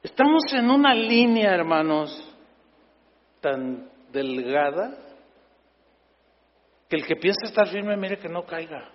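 A man's voice: high-pitched, big pitch swings, takes it slowly, pauses often. A man with a Mexican accent, a pastor preaching an emphatic, humorous sermon and calling out to the congregation. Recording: echoey dull hall sound.

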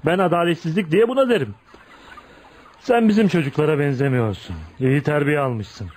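With a fairly high, quick, slightly mellow voice and light acting, a man performs a Turkish radio play role: a feared, ugly tough guy with a kind heart. He comes across earnest and friendly, questioning bluntly in a folksy way and punctuating with "ha?".

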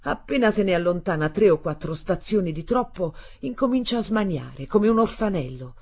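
A woman voicing a sardonic, scornful young man who drawls slowly and mockingly in a reading of a novel. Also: on the low side, animated, darkish tone, slightly rough. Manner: slow, mocking, bored drawl.

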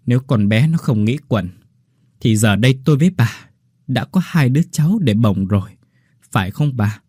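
Guy doing a heartbroken old dad wailing, husky voice, swings all over. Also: mid-range voice, expressive, moderate pace, no room sound, studio quality. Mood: sorrowful. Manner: anguished, cries out loudly. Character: older grieving village father, desperate.

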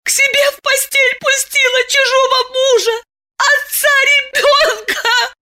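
A woman voicing a naive young village girl who shouts through her tears in a hysterical rage. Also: extremely high pitch, steady tone, slow, voice pushed up, exaggerated voice. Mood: distraught. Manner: shouting, tearful, breaking into sobs.

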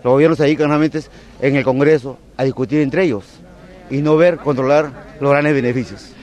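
A man's voice: medium pitch, steady tone, fairly quick, darkish tone. A man from Peru with a Peruvian accent, critical and speaking at length in a street interview. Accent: Peruvian Spanish. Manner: critical, speaks in long complaining sentences. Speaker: person in line interviewed.

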